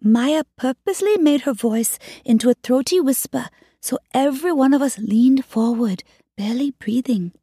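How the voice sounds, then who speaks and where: Breathy, mellow woman audiobook narrator. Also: high-pitched, normal speed, no echo, clean studio sound.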